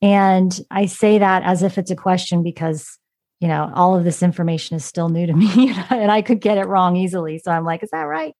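A woman's voice: fairly low pitch, fairly even intonation, moderate pace, warm tone. A woman hosting a podcast interview, who asks her questions with curiosity and thinks aloud along the way. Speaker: podcast host. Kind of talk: conversational interview.

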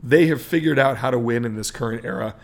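A man's voice: mid-range voice, fast, gravelly. Guy co-hosting a sports podcast, rambles on with lots of ums, explains racing stuff. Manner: explains at length with many fillers. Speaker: podcast co-host. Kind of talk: casual sports chat.

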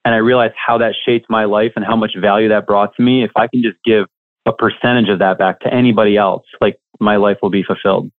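A man's voice: fairly low pitch, fairly even intonation, fast talker. A man who coaches staffing businesses, telling a candid, reflective story in an interview. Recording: tinny phone-like line.

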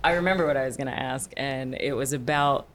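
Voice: mid-range voice, quick pace, fairly bright tone, a little hiss or hum. A podcast host who chats casually, giggling often and joking at their own expense. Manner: giggly, self-mocking, rambling.

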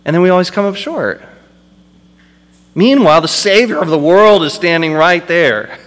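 A male pastor delivers an impassioned sermon in a slightly high voice that swings widely in pitch. He speaks slowly and deliberately, building to emphatic peaks. Long reverb from the church hall trails each phrase. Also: lively intonation, fairly bright tone.

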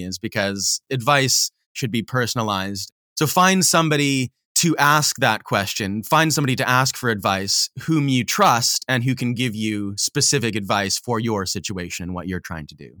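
A man's voice: lowish voice, moderate pace, hardly any pauses, pushed and bright, dry recording, clean studio sound. A male audiobook narrator chatting as a podcast guest, thoughtful and rambling, with many fillers. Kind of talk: casual interview chat. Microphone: home recording setup, headphones.

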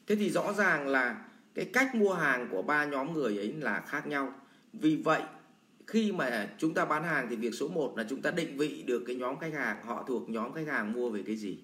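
A man's voice: mid-range voice, expressive, moderate pace, a bit bright. A man teaching sales in a blunt, colloquial lecture full of everyday examples. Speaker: sales trainer. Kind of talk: lecture answering a viewer question. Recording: roomy echo.

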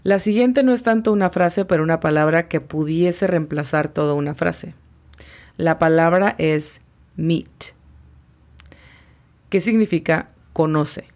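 Slow, low-voiced woman teaching English. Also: darkish tone. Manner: slow, careful spelling-out of English words. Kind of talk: language lesson.

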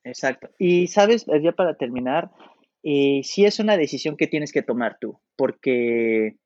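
A man with a Mexican accent chatting casually as a podcast guest, pausing often with fillers and restarts, animated when telling a story. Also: a little high, dry recording, lo-fi sound. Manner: hesitant, full of fillers and restarts.

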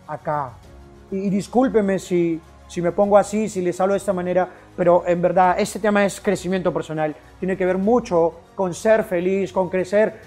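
A man's voice: a little high, mellow. A man giving a motivational speech, emphatic, repeating key lines and asking rhetorical questions. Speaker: motivational speaker.

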